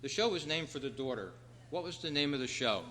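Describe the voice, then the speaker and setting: Pitched on the high side, the man sounds animated and brisk, his tone pushed and bright. He's hosting a live quiz and sharing club news with an audience in a big convention meeting room, where the sound echoes with long reverb.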